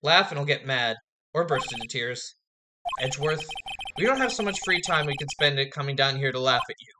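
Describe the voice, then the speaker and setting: Woman playing a sarcastic young male game lawyer, dry delivery, lively pitch. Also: fairly quick, very noisy. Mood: wry. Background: game music.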